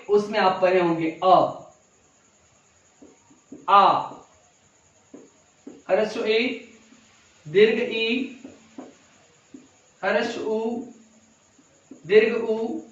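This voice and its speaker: A male English teacher giving a classroom grammar lesson, asking rhetorical questions and answering them himself, and calling his listeners children. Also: sits high. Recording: echoey room, distant dull mic.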